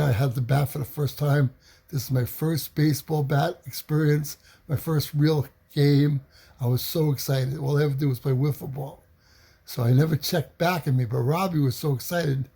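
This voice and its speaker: Brief: man, personal storyteller, mellow husky voice, lively delivery. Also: mid-range voice. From New York City. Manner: animated, acts out quoted voices.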